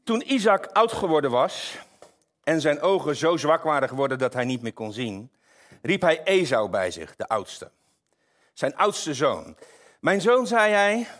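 A man preaching a sermon, reading a Bible passage aloud with lively asides to the congregation. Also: medium pitch, measured pace.

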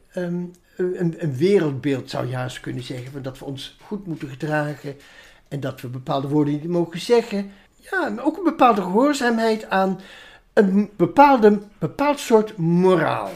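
A woman illustrator speaking reflectively in an interview, often trailing into softer tones. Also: on the low side. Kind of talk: interview conversation.

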